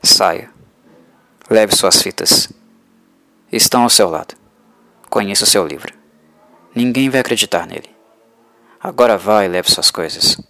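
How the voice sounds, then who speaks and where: A pale, ageless vampire, voiced by a man, speaks in a deep, slow, soft register full of quiet scorn. The delivery is dry and close, unhurried and untroubled by anger. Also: gravelly, no echo, heavily acted. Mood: cold, mocking.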